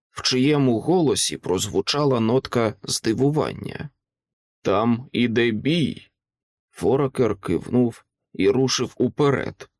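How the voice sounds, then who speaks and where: A man's voice: mid-range voice, a little mellow, no echo, clean studio sound. Man reading a fantasy novel aloud. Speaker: audiobook reader.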